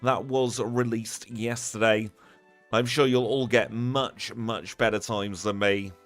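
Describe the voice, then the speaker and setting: A man's voice: on the low side, steady tone, slow pace, fairly bright tone, faint music behind. A man wrapping up a live game stream, chatty and upbeat as he thanks his viewers one by one. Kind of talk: live stream sign-off chat.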